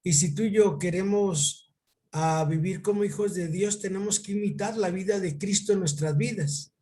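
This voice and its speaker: A man giving an informal one-on-one Bible lesson over a video call, pausing and repeating words as he thinks and often calling his student by name. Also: high voice, darkish tone. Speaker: Bible teacher.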